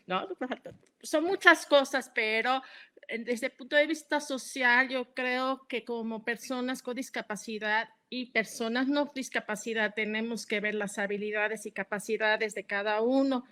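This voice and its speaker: A woman's voice: a little high, sharp tone. A woman speaking as a panelist, earnest and affirming. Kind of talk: online panel discussion.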